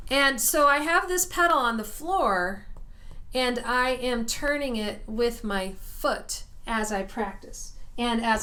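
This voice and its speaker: A woman's voice: on the high side, a bit bright. A woman piano teacher giving a practice tutorial, explaining patiently and step by step while seated at the piano. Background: piano playing.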